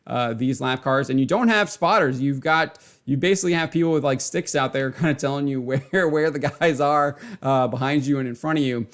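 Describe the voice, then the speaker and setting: A man hosting a casual race recap video. He talks excitably, chuckles often and repeats words. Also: on the high side. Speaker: racing video host.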